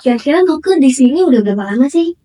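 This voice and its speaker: A chatty woman hosts a casual interview, filling pauses with "eh". Her voice sits fairly high and sounds a little distant from the microphone. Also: animated, mellow. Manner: chatty, upbeat, many fillers. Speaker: host.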